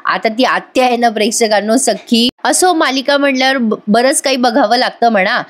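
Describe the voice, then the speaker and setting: A woman's voice: a little high, fairly quick. A woman recapping a TV serial episode in a chatty style, talking straight to viewers and adding wry asides.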